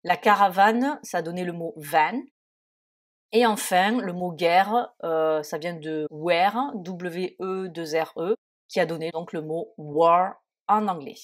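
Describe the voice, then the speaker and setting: A French-speaking woman gives an English vocabulary lesson in an unhurried teaching manner. Her voice sits on the low side, and she often hesitates with fillers and spells words out letter by letter. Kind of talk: spoken lesson.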